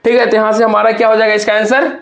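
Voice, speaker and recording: A man's voice: high-pitched, little pitch movement, very fast, roomy sound. A male teacher giving an exam prep lesson, explaining step by step and spelling words out letter by letter while asking and answering his own questions.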